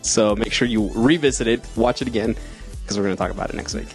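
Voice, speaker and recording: A man co-hosting a casual movie podcast. He talks in a relaxed, thoughtful way and often trails off and starts over. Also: on the low side, fast, faint music behind. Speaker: podcast co-host. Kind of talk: casual chat.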